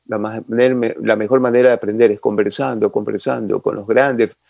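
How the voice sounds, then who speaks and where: An older man, telling long animated stories as an interview guest. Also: lowish voice, moderate pace, gravelly, no echo, lo-fi sound. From Ecuador. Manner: animated, rambling reminiscence with sound effects. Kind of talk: casual storytelling interview.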